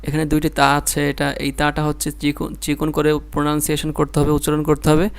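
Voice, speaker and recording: A man's voice: fairly high pitch, completely flat delivery, fairly quick, clear, resonant tone. A man with a Bangladeshi Bengali accent teaching Quran reading, drilling syllables one by one and explaining patiently. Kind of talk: slow spelling-out lesson.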